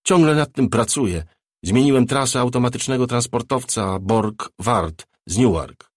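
A man voicing a calm, squeaky-voiced man speaking from a monitor in an audiobook. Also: moderate pace, no echo, lightly acted. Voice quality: squeaky and quiet.

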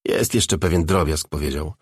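A man voicing a crude, cold crime boss who speaks calmly and flatly. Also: extremely low pitch, normal speed, husky, no room sound, clean studio sound, pitched below the performer's own voice. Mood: detached. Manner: calm, detached, swearing.

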